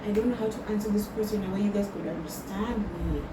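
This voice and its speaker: A young Tanzanian woman records a reflective personal vlog, speaking slowly and thoughtfully in English sprinkled with Swahili words. Her voice is mid-range for a woman, and the recording sounds roomy and distant, with loud background noise.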